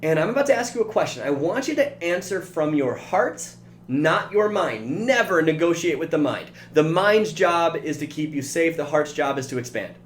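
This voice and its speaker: A man coaching his listeners in an earnest, direct motivational talk. His voice sits slightly high for a man and rings in a roomy space. A faint hum runs underneath. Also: lively intonation, normal speed.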